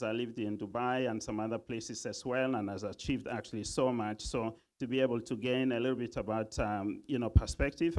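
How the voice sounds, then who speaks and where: Hesitant man giving a convention speech. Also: mid-range voice. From Uganda. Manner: hesitant, many fillers. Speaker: convention speaker. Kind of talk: formal event speech.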